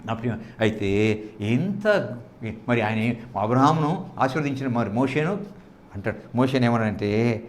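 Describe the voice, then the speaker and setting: A male pastor preaching a sermon, repeating phrases for emphasis and swinging between loud outbursts and hushed lines. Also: medium pitch, expressive, normal speed, long pauses, slight background noise. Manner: acts out biblical dialogue in character voices.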